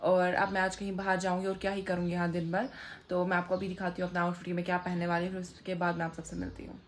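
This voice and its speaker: A woman's voice: on the low side, completely flat delivery, fast talker, slight background noise. A young woman from Kashmir chatting to her phone at arm's length, narrating her day as a vlogger, out on the streets, in a cafe and at home. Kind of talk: casual vlog chat.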